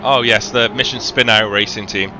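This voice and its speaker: A man's voice: on the low side, steady tone, moderate pace, noisy background. Welsh man commentating a sim race. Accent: Welsh, faint. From Wales. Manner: chatty, frequent ums and self-corrections.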